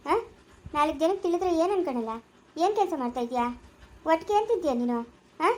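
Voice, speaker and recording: A woman playing a sharp scolding village wife. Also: very high voice, animated. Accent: rural Chikkaballapura Kannada. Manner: sharp scolding, rapid-fire questions. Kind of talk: village family skit acting.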